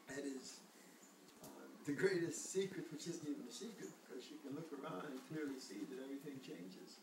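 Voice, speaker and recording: An older man reading aloud to children in an expressive, unhurried storytelling manner, with friendly asides to his listeners. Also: fairly high pitch. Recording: echoey room, distant mic, faint noise.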